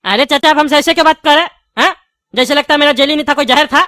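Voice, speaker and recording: A woman's voice: high-pitched, rapid-fire, a bit bright, no echo, studio quality. A woman voicing a brash cartoon shopkeeper. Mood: irritated. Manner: blunt, bantering, argumentative. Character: brash male sweet-shop owner, quick to argue.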